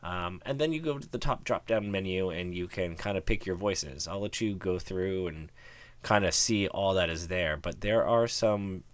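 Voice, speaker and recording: A man hosting a software tutorial, talking casually through his screen recording with lots of ums and restarts. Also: low-pitched, normal speed, no echo. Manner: relaxed, rambling, many ums and restarts. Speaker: tutorial host.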